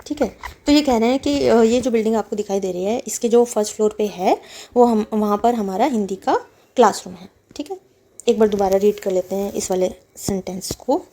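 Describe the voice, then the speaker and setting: A woman's voice: mid-range voice, fairly quick, dark tone. A woman teaching a Japanese lesson, patiently reading words and explaining each one with repetition and translation.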